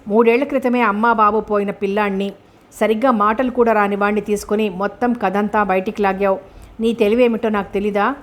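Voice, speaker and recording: A woman voicing a scheming male kidnapper who threatens and mocks a man over the phone in a storybook reading, at a middle pitch. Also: fairly even intonation, a little fast, natural voice. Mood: taunting. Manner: menacing, mocking.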